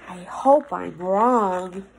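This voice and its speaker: On the low side, with vocal fry and a slightly rough texture, a young adult woman's voice comes through poor audio. She's reading a picture book aloud to children like a teacher in a small indoor office room, theatrical and playful, with drawn-out words and hushed asides.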